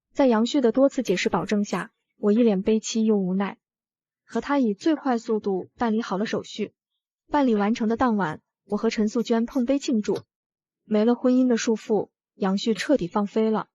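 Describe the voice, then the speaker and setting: A woman narrating a short drama in the first person, telling the story at a steady pace. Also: on the high side. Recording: dull lo-fi audio.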